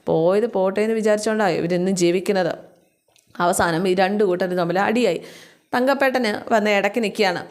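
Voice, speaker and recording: Chatty woman retelling a serial's episode. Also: medium pitch. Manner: chatty retelling, frequent drawn-out fillers, acts out quoted lines. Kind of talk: casual spoken story recap.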